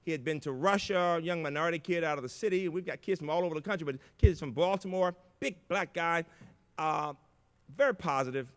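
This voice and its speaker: An older man giving an inspirational keynote speech at a conference, telling stories with big emotional swings in loudness. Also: fairly high pitch, brisk. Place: large conference auditorium. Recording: reverberant conference hall.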